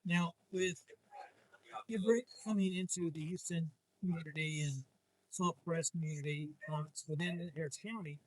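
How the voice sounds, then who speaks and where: A man's voice: a little high, fairly even intonation, moderate pace, a little mellow, poor audio. A man interviewing a comics publisher, asking long, rambling questions with many restarts. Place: comic convention floor.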